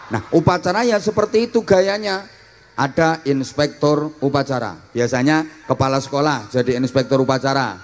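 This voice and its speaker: A man's voice: a little high, a little hiss or hum. A man with a Javanese accent preaching a humorous sermon to students, playfully acting out different ways of greeting.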